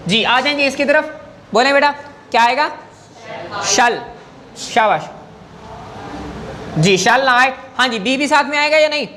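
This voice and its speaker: A man's voice: very high voice, pauses often, bright, forceful tone, slight background noise. A man teaching an English grammar lesson in class, patient and coaxing, often checking whether students follow.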